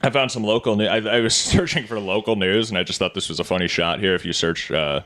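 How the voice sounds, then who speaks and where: Fast-talking man hosting a call-in show. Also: on the low side, a bit bright. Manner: rambling, self-correcting. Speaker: show host. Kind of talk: casual radio chat.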